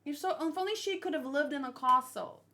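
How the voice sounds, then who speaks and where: Brisk and sharp-toned, a high-voiced woman hosts a manga read-along. Her reactions are casual and emotional, and her conversational commentary frequently drifts off before she finishes a thought.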